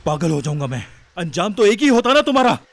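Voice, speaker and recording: एक अभिनेता एक गुस्सैल, ज़िद्दी जवान पति का किरदार निभाता है, ऊँची और तेज़ बहस करता हुआ।. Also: male voice, mid-range voice, a little fast, no echo, faint music behind, natural voice. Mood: angry. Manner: shouting, forceful, argumentative. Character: hot-tempered young husband, proud and stubborn. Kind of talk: television drama acting.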